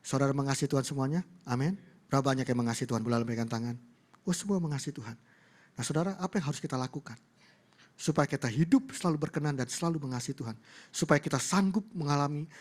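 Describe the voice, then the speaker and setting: A man preaching a sermon as pastor, with emphatic, repetitive address to his congregation. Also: mid-range voice. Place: church in a mall.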